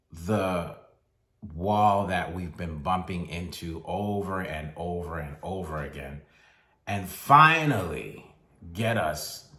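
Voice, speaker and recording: Slow, deliberate man preaching in a roomy space. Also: deep voice, a bit bright. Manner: slow, deliberate delivery with long pauses. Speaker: speaker. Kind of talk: motivational sermon. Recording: echoey room.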